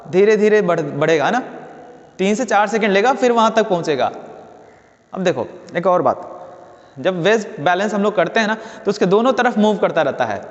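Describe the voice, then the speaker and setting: A man teaches physics in a fairly high voice, keeps posing questions and answering them himself. The sound is dull and lo-fi, with a long reverb trailing behind him. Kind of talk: classroom lecture.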